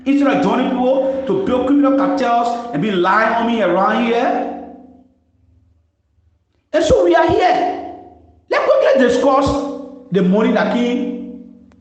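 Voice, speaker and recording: A man's voice: very high voice, animated, measured pace, pauses often, reverberant, dull audio. A young man from Liberia with a Liberian English accent, making an impassioned public statement as a former official and hammering home rhetorical questions. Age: young adult.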